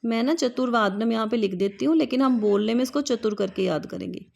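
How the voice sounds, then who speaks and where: A woman teacher giving a patient, step-by-step lesson, drilling each word slowly and repeating it. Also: on the high side, vocal fry, darkish tone. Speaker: Sanskrit teacher. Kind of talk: classroom-style lesson explaining step by step.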